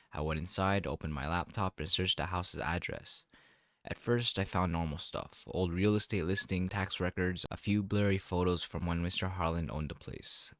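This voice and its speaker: A man narrating a first-person story in a calm, wry, deliberate way. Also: low-pitched, no echo, studio quality.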